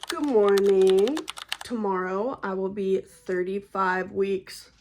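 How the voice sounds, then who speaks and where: Slow-talking, breathless pregnant young woman. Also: medium pitch, steady tone, darkish tone, a little hiss or hum. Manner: chatty, slangy, laid-back. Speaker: vlogger. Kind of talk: casual vlog update.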